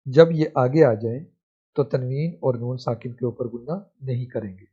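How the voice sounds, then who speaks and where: A man's voice: mid-range voice, warm tone, breathy edge. A man teaching a Quran reading lesson, spelling out syllables one by one and then blending them. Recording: muffled, lo-fi recording.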